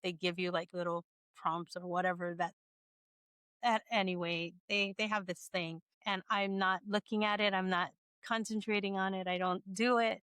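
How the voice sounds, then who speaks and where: A middle-aged woman from Hawaii, hosting a casual interview, chatty and quick to laugh, often restarting her sentences. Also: mid-range voice, steady tone, fairly bright tone, smooth, no room sound. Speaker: podcast host.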